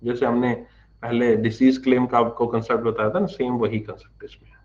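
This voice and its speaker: A man's voice: medium pitch, flat delivery, a little fast, a little mellow, highs cut off. A man teaching a live online class, answering viewers' questions in a chatty, joking way and explaining patiently.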